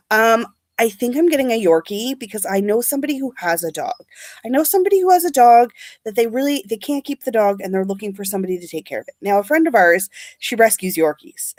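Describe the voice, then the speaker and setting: A young adult woman with a medium-pitched voice hosts a casual beauty livestream, chatting and rambling as she answers comments live. She's slightly sniffly from allergies. There's no room sound at all.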